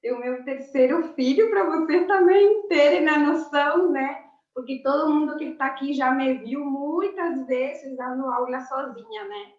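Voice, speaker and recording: A woman in her forties talks on a video call with a slightly high voice, chatty and affectionate. She sounds distant from her laptop mic, in a roomy space with a dull, muffled tone. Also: a little slow, a little mellow. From Argentina. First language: Spanish. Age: 40s. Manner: chatty and affectionate, laughs often. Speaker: teacher. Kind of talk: casual chat on a video call.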